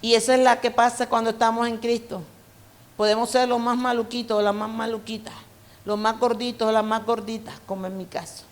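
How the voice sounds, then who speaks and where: A woman's voice: fairly high pitch, little pitch movement, brisk. A woman preacher from Colombia with a coastal Colombian accent, giving an emphatic, conversational sermon full of personal stories. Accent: Colombian Caribbean coast. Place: church hall. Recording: reverberant church hall.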